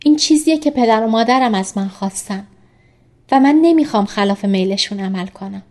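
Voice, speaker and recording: Woman reading as a gentle male doctor. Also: fairly high pitch, expressive, close to an everyday voice. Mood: coaxing. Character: gentle teasing male doctor, young adult. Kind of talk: audiobook character reading.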